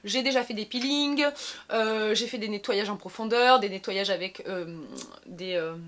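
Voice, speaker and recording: A woman's voice: on the high side, a bit bright, a little hiss or hum. A young woman chatting casually through her skincare routine, with many hesitant fillers. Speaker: beauty vlogger.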